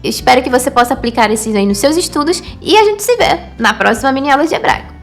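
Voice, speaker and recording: A woman's voice: high voice, lively intonation, quick pace, faint music behind. A woman, patiently explaining a language lesson, checking in with short tag questions. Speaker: Hebrew teacher.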